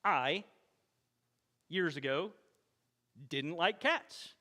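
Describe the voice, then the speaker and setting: A man delivers a conversational sermon, animated and storytelling, slipping into quoted voices. His voice sits high and sounds bright and forward. The sound carries the long echo of a church sanctuary. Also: drawn-out words. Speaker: pastor. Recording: echoey church hall.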